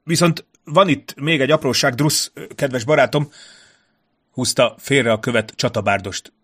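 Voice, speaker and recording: A man's voice: medium pitch, a bit bright, husky, pitched above the performer's own voice. A man voicing a nervous, courtly male ambassador who stammers and fills his talk with hesitations. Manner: stammering, filler-laden, trembling.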